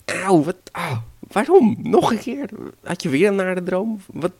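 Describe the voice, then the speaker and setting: A man voicing a sleepy, suspicious devil who yelps when woken and grumbles in a gravelly voice. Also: fairly low pitch, fairly even intonation, moderate pace, darkish tone. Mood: yelping. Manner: yelping, indignant outbursts.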